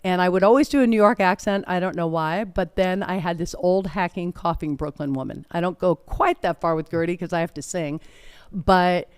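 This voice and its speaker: A middle-aged woman chats through her stories in a relaxed interview, often breaking into laughter. Her voice is smooth and resonant, and the recording is close and dry. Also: fairly low pitch, fairly quick, no room sound. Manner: chatty, laughing, animated storytelling. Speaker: performer and guest. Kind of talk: casual interview chat.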